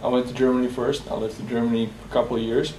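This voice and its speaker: In a personal interview, a young Bosnian man speaks haltingly, pausing on fillers and restarting sentences. His mellow, low-key voice keeps a level tone. He sits away from the mic in an echoey room with a faint hiss behind him.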